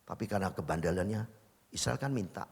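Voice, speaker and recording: An older man preaching a sermon as pastor, emphatic, swinging from loud exclamations to low murmurs, in a church hall. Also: expressive, fast, vocal fry, slightly rough. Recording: long church-hall reverb.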